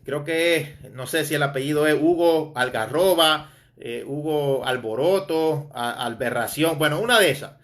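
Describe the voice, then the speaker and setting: A man's voice: a little high, moderate pace, a bit bright. Mocking, chuckling preacher man. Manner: mocking, chuckling, addresses listeners as brother. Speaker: preacher and Bible teacher. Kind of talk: informal online preaching.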